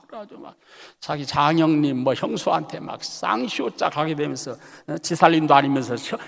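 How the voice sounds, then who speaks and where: A man's voice: fairly high pitch, gravelly, fairly bright tone, husky. A man preaching a Sunday sermon as pastor. He tells a story animatedly and keeps checking in with the congregation. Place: church sanctuary. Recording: long church hall reverb.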